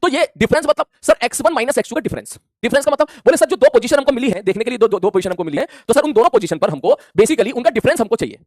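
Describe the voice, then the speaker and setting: A male physics teacher speaking fast. His voice swings up and down a lot. It sounds dry and close, no room echo, and he acts out student replies as he explains. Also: very high voice. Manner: animated, plays out imagined student replies. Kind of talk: classroom lecture.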